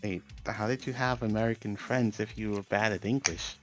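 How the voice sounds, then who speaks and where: Male podcast guest, lower register, understated, hesitant conversational delivery, music bed underneath. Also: steady tone, normal speed. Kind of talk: casual chat about online games. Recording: music behind the voice.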